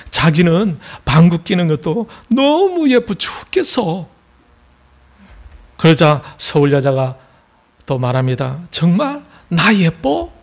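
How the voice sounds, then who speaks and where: A man with a Gyeongsang accent preaching a sermon as pastor, folksy and joking as he tells a story. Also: fairly high pitch.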